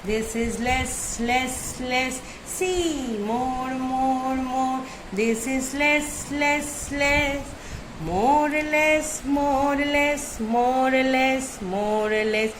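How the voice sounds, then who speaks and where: Primary teacher, female, Indian accent: high voice, very slow delivery, chanting like a children's party magician, noisy recording. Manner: animated, repetitive, sing-song like a kids' party magician. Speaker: primary school maths teacher. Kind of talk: children's lesson with playful chanting.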